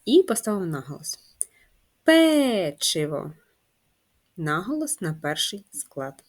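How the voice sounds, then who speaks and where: A woman's voice: on the low side, expressive, measured pace. A woman teacher giving a first-grade handwriting lesson, patient and instructive, spelling out letters and sounds one by one. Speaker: primary school teacher.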